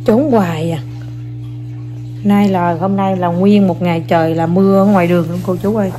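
A woman's voice: fairly low pitch, fairly even intonation, moderate pace, mellow, faint music behind. A young mother, filming her kids and coaxing them, talking to viewers in a casual, playful way. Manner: coaxing, playful, repeats short commands to children.

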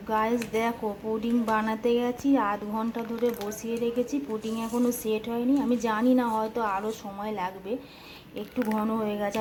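A young woman chatting directly to viewers in a casual home vlog, now and then scolding the kids loudly. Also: fairly high pitch, slight background noise. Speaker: family vlogger. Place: family home and kitchen.

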